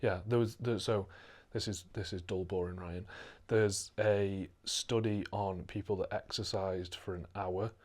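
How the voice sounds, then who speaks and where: A man's voice: low-pitched, fairly even intonation, a little slow, few pauses, darkish tone. A man with a Stoke accent, hosting a fitness podcast in casual, chatty talk that swears and restarts phrases. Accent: Stoke-on-Trent. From England. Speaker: podcast host, fitness coach. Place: podcast studio.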